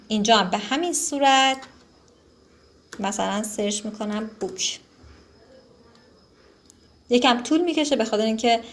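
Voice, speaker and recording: A woman giving a casual screen-recorded software tutorial, relaxed and chatty, with frequent fillers and self-corrections. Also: fairly high pitch.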